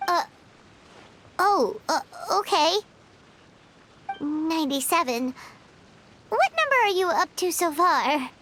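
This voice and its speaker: A woman's voice: big pitch swings, slow pace, pauses often, fairly bright tone, a little hiss or hum, full character voice. A woman voicing a small, chatty, childlike fairy sidekick in a video game. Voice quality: squeaky, childlike. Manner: perky, refers to self in third person. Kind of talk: video game character dialogue.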